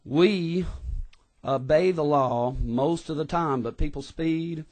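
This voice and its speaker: A man's voice: a little high, takes it slowly, darkish tone. A man giving earnest, impassioned testimony at a legislative hearing, often restarting his words. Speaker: public witness at a legislative hearing. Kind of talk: formal testimony. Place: hearing room.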